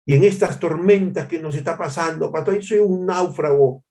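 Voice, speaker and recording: A male pastor putting on the voice of a weary male churchgoer who says he is barely surviving, in a higher, self-pitying tone. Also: normal speed, warm tone, lightly acted. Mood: despondent.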